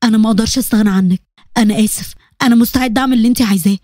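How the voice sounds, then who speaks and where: A woman's voice: on the high side, very fast, a little mellow, dry recording, studio quality, pitched below the performer's own voice, close to an everyday voice. A woman voicing a remorseful young husband with an Egyptian Arabic accent, talking in an urgent, pleading way.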